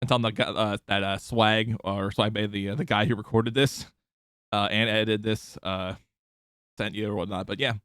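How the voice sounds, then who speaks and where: A man streaming, giving casual commentary over a video clip, halting and full of fillers and restarts. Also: on the low side, fairly even intonation, fairly bright tone, clear, resonant tone, no echo, studio quality.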